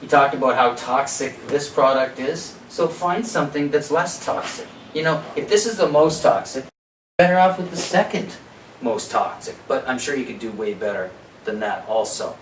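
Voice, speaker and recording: A man's voice: mid-range voice, moderate pace. Echoey, distant man giving a health talk. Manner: conversational, opinionated, uses rhetorical questions and quoted asides. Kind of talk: informal health seminar lecture. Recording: echoey room, distant mic, background noise.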